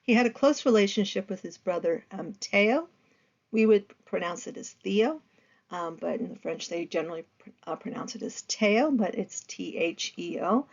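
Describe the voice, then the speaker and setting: A woman teaching an art history lecture in a conversational way, often pausing with ums and uhs and restarting her sentences. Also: on the low side, vocal fry, lo-fi sound.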